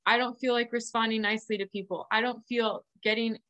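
A woman's voice: a little high, fairly even intonation, fairly quick, fairly bright tone. A woman hosting a faith podcast, talking in an earnest, affirming way and laughing easily. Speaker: podcast host. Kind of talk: casual faith conversation.

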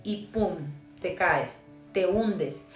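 A woman's voice: on the low side, lively intonation, drawn-out words. Fervent woman preaching in an echoey room. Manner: fervent, voicing the Lord's words in quotes. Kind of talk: sermon. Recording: echoey room with music behind.

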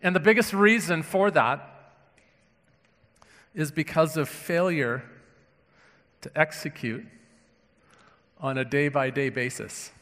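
A male pastor with a cold-stuffed nose delivers an earnest, conversational sermon, often restarting his phrases. His voice sits a little higher than most men's, and the sound carries a long church-hall reverb. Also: slow pace, long pauses, fairly bright tone. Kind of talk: sermon with opening prayer. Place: church sanctuary.

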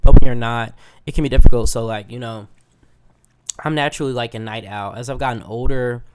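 A young man hosting a casual solo podcast, slightly hoarse, rambling with lots of fillers and frequent laughs. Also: mid-range voice, fairly even intonation, brisk, very noisy. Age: young adult. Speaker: podcast host.

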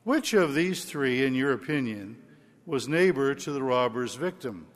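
Slow priest in a cathedral-like echo. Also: male voice, mid-range voice, animated. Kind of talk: liturgical Gospel reading and homily. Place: large reverberant church. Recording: echoey cathedral-like hall with long reverb.

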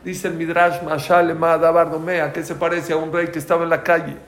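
A man's voice: fairly high pitch, little pitch movement, brisk, fairly bright tone, roomy sound. A man teaching a religious class, telling stories and asking his listeners questions, using Hebrew terms. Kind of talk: storytelling class lecture.

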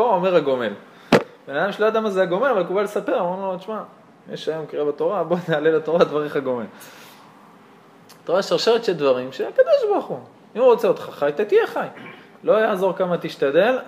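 Male Torah teacher, high voice that swings widely, storytelling and rhetorical questions, faint noise behind. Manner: lively, asks rhetorical questions, tells stories. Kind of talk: animated religious lesson.

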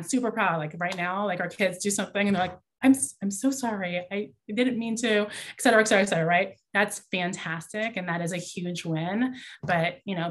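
A woman who founded a school, talking casually and animatedly, with frequent laughs and fillers. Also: on the low side. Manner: animated, chatty, laughs often, many fillers. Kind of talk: casual conversation.

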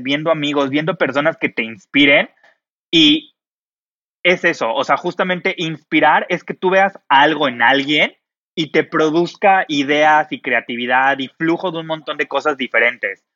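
Male image consultant, podcast host, bright forward tone, lo-fi dry recording. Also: fairly high pitch, normal speed, no room sound. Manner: expressive, uses many fillers like "o sea". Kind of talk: casual podcast chat.

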